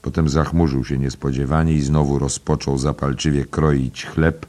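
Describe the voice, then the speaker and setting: A man narrating a novel in a steady, measured way. His voice is extremely deep, and his reading stays calm and even. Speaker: audiobook narrator. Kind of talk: scripted narration.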